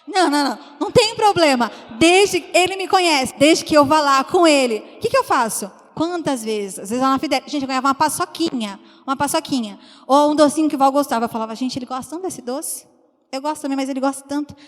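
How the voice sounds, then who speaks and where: A woman with a high voice preaches to her church in a friendly, chatty way and tells stories. She acts out the voices of the people she quotes. Her voice rings with a long reverb from the church hall. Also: fast. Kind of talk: sermon.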